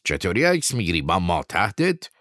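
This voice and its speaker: A man's voice: low voice, very animated, fairly bright tone, no room sound, clean studio sound. A man reading an audiobook, voicing a blunt, sarcastic man who sneers at others.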